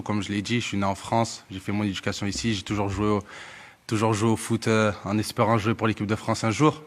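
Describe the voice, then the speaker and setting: A man answering questions at a press conference, hesitant, with many pauses and restarts. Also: lowish voice.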